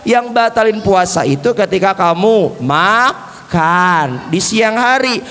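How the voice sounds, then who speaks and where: A man telling a religious lesson to children through a puppet show, with gentle, coaxing questions. He speaks at an unhurried, deliberate pace. A long reverb from a large mosque hall trails his voice. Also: high voice, lively intonation.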